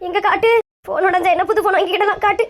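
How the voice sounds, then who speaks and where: A woman's voice: very high voice, fairly even intonation, rapid-fire. A woman with an acting a distraught, scolding wife in a comedy skit, wailing melodramatically.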